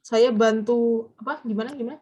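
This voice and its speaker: A woman teaching a grammar class, patiently explaining and quizzing her students with drawn-out prompts. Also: fairly high pitch, fairly even intonation, mellow, highs cut off. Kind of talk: live class lesson.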